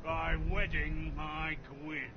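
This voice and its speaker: An actor playing a smug, menacing enemy lord in a fantasy game, taunting with mock generosity. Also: male voice, a little high, flat delivery, slow pace. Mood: gloating. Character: smug, menacing enemy lord gloating over a beaten house. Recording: muffled, with clear background noise.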